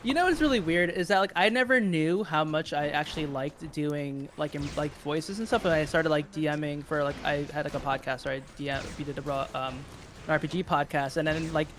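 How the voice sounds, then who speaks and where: A man's voice: on the high side, brisk, noisy background. A man on a charity stream chatting casually and rambling with lots of fillers. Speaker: guest voice actor on a charity stream. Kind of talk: casual chat. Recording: music playing behind.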